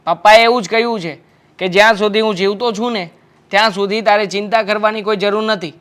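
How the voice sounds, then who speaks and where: A man's voice: high voice, fairly even intonation, fast talker, a bit bright. A young man playing a carefree husband, breezy and dismissive in a family drama.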